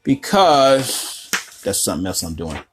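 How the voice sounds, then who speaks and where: A man's voice: lowish voice, big pitch swings, unhurried, noisy background. A man hosting a casual coloring tutorial, rambling through profane, joking asides while he works. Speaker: art tutorial host.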